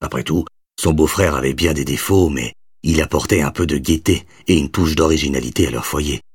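A man narrating a novel as an audiobook, with expressive, varied storytelling. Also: rumbling low, fairly quick, husky, dry recording, clean studio sound.

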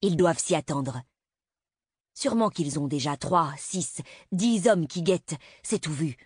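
Unhinged paranoid mother, voiced by a woman, slow low muttering menace, dry close sound. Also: expressive, a little mellow, slightly rough, no echo, exaggerated voice. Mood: defiant.

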